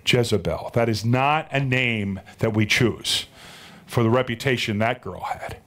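A man's voice: medium pitch, measured pace, a bit bright. A middle-aged male pastor preaching a sermon, telling the story and asking the congregation rhetorical questions.

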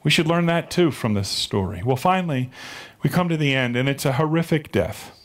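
Higher-pitched man preaching a sermon. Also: expressive, fairly quick. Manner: storytelling preacher, rhetorical questions. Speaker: pastor.

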